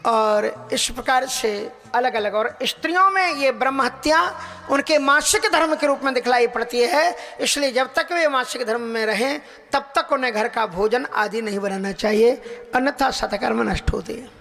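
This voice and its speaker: A man's voice: extremely high pitch, normal speed, creaky, pushed and bright. A man preacher giving a devotional scripture discourse, telling the story expressively and breaking into chanted verse. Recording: long hall reverb with faint music.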